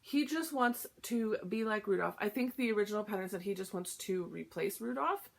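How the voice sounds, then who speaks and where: A woman chatting casually about her cross-stitch projects, short of breath and filling pauses with "um". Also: mid-range voice, expressive, gravelly. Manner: chatty, lots of "um" fillers. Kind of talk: casual show-and-tell chat.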